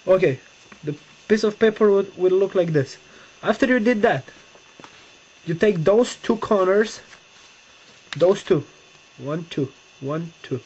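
This tutorial comes from a young Romanian native speaker with a Romanian accent, sitting on his bed and halting through a folding demonstration as he looks for words. His voice is high, slightly mellow and husky. Recorded close on a webcam, the audio is dull and lo-fi with a light hiss.

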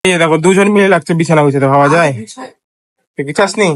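A man with a Bengali accent, vlogging in casual chat with a sore, scratchy throat. He talks quickly and teasingly to the camera. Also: on the high side, no room sound.

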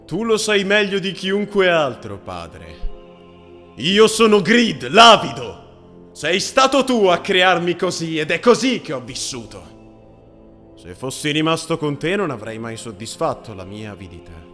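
A man's voice: a little high, big pitch swings, measured pace, soft background music, heavily acted. A man voicing a cocky, greedy male homunculus in an anime fan dub, mocking and brash. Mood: defiant. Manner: mocking, brash, shouts when defiant.

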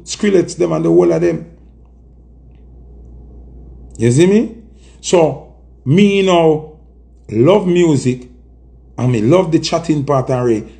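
A man's voice: on the high side, creaky, mellow. A man in his thirties with a Jamaican accent, speaking Jamaican Patois in an emphatic, reflective casual chat to camera. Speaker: music personality, vlogger. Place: small indoor room. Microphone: phone at arm's length.

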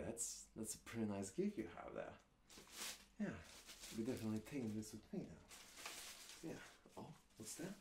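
A man's voice: mid-range voice, warm tone, a little hiss or hum. A young man playing a mocking, menacing burglar in an ASMR role-play, taunting and foul-mouthed, with question after question. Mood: amused, greedy, then threatening. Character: menacing, mocking male burglar threatening his victim. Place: small dim room indoors.

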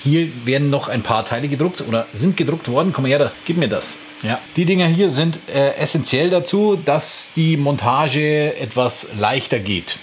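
A man's voice: on the high side, expressive, normal speed, few pauses. A man in his thirties chatting to the camera from a home workshop full of 3D printers. He rambles on in a loose, self-mocking way. A faint machine hum sits under his voice from a desk-distance mic. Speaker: 3D printing channel host. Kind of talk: casual chat to camera. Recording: faint printer noise in room.

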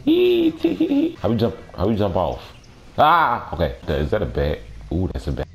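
A young man with a raspy voice doing casual, slangy, playfully complaining commentary over a video game. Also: low-pitched, big pitch swings, moderate pace, a bit bright. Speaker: gaming video host. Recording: noisy track with game sounds behind. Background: video game audio.

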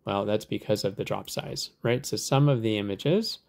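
A man hosting a software tutorial, explaining steps in a relaxed, conversational way with lots of fillers. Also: lowish voice, moderate pace, gravelly. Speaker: tutorial host.

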